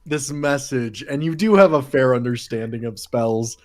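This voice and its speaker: A man's voice: medium pitch, normal speed, darkish tone. A man running a tabletop game as game master, narrating in an easygoing way with many fillers.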